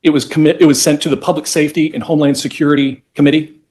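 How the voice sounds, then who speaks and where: In court, a male lawyer methodically guides a judge through legal history, explaining in a slightly halting way. His pitch is fairly high and barely moves, with a darkish tone.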